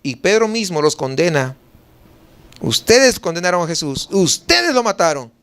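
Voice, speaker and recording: A man's voice: sits high, big pitch swings, moderate pace, a bit bright, clean tone. A male pastor with a Mexican Spanish accent preaching a sermon, asking rhetorical questions and answering them himself.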